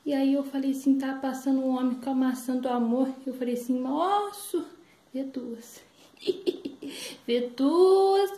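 An older woman tells a children's story in a playful, chatty way, laughing often. Her voice sits high yet sounds mellow and soft. The recording has a roomy echo. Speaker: grandmother storyteller.

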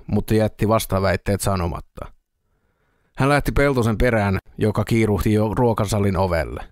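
A man narrates an audiobook in a steady, even storytelling manner. His voice sits low, and the recording is dry and close to the mic. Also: no room sound. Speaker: audiobook reader.

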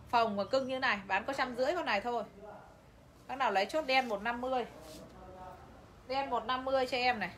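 A woman with a high voice and fairly bright tone sells clothes on a livestream. She's chatty, laughs often, and speaks straight to her viewers in a live sales pitch.

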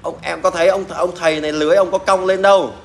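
A man's voice: sits high, steady tone, quick pace, creaky, a little hiss or hum. A middle-aged man, a mechanic ranting bluntly to fellow mechanics, mocking and swearing as he talks. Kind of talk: casual rant to fellow mechanics.

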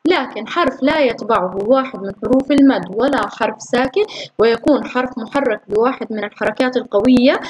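A woman teacher going through workbook exercises for young pupils, praising often and slowly drawing out syllables as she sounds words out. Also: fairly high pitch, darkish tone, breathy edge, rough recording. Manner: slow, drawn-out syllables when sounding out words. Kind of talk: recorded classroom lesson.

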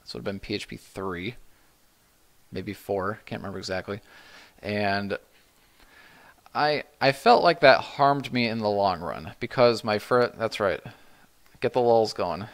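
A middle-aged man talks through viewer questions on his live stream, unhurried and loose. His voice sits a little low, and he often trails off and restarts his sentences. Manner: relaxed, rambling, frequent restarts and "you know". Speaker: livestream host answering chat questions.

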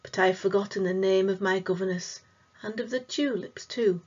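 A woman's voice: medium pitch, normal speed, darkish tone, highs cut off, lightly acted. A woman voicing a faint, sad ghost child from long ago who talks hesitantly and wistfully in old-fashioned words.

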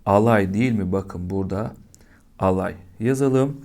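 A man's voice: on the low side, measured pace, a little mellow. A man teaching a primary school lesson, patiently asking young children questions and answering them himself.

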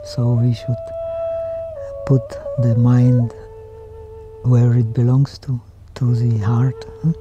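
Older male Buddhist monk, Czech accent, unhurried and even, slightly dull recording over flute music. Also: medium pitch. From Czech Republic. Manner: slow and calm, ending thoughts with a questioning "huh?" or "hmm?". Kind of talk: reflective documentary interview.

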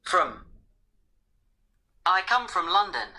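Woman on a coursebook audio track saying words then sentences, bright voice, lots of pitch movement. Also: sing-song. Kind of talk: reading example words and sentences for a textbook track.

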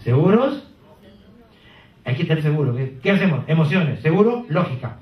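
A Peruvian-accented man leads a seminar, putting questions to the audience. His voice sits fairly high and reaches the mic from a distance. The hall is roomy and the sound is dull. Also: moderate pace. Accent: Peruvian Spanish. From Peru. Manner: animated, quizzing the audience. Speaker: sales trainer. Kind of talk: live motivational seminar talk.

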